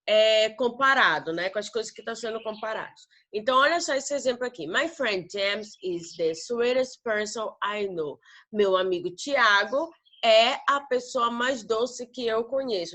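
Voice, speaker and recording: A woman's voice: mid-range voice, a bit bright. A woman from Brazil teaching an English grammar lesson in Portuguese, explaining patiently and checking in with the students after nearly every step. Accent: northern Brazilian Portuguese. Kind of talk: recorded classroom lesson.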